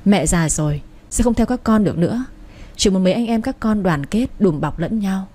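A woman's voice: medium pitch, lively intonation, moderate pace, warm tone, lightly acted. A woman voicing a stern elderly mother who rules her household, speaking severely and with command. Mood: grave.

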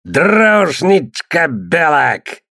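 A man voicing a big, brawling male warrior in an audiobook, shouting battle cries. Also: a little high, big pitch swings, very slow, gravelly, voice pushed up, exaggerated voice. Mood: roaring.

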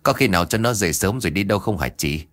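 A man voicing a middle-aged village neighbor in a spoken ghost story, calm and reassuring. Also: low-pitched, quick pace, dry recording.

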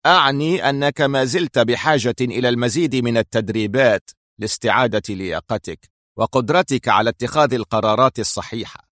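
A man voicing a calm firm spy chief. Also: fairly low pitch, vocal fry, breathy edge, dry recording, clean studio sound, full character voice. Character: calm firm male intelligence director.

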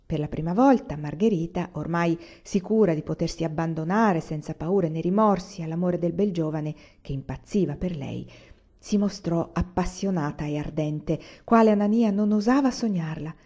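Woman reading a novel, mellow tone. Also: on the low side, moderate pace. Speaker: audiobook reader. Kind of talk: literary audiobook narration. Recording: dull lo-fi recording.

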